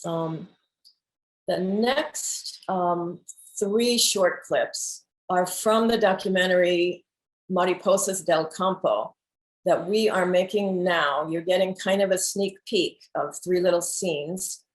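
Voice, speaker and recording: Woman filmmaker, lowish voice, hesitant, lots of fillers, heard over a video call. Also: steady tone, slow pace, rough recording. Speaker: filmmaker presenting her work. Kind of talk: hesitant art-talk presentation.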